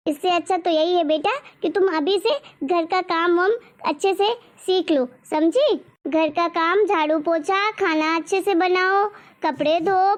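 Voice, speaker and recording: A woman voicing a strict, nagging middle-aged mother in a cartoon story, lecturing and scolding. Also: extremely high pitch.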